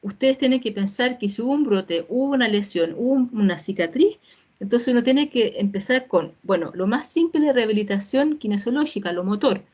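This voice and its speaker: A woman's voice: fairly high pitch, lively intonation, a little fast, a little mellow, lo-fi sound. A woman giving an informal medical talk as a physician, explaining casually and checking in with tag questions like "right?", heard over a video call.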